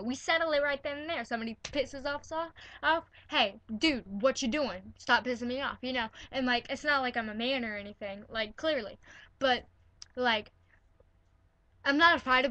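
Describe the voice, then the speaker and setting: A woman's voice: high voice, bright, forceful tone, dry recording, highs cut off. Indignant teen girl ranting from her bedroom. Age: teens. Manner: indignant, sarcastic, peppered with "like" and "all right?". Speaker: vlogger. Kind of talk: ranting to camera.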